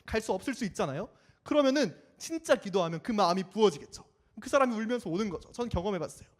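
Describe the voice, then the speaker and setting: A young man preaching a sermon in a lively way, acting out the voices of the people in his story. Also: high voice, quick pace. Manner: animated, acts out quoted voices.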